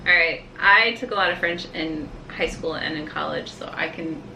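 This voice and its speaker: A woman chats and teases, jumping in with quick remarks. Her voice is bright and sharp. She sits a little away from the mic, with a faint hum behind her. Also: low voice, vocal fry, reverberant, far from the mic, poor audio. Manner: teasing, quick interjections. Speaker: vlog co-host. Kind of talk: casual chat.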